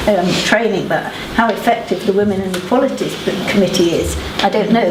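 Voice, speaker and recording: A woman answering as a panelist in a measured, hesitant way with many fillers. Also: mid-range voice. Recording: echoey room, mic far off, clear background noise.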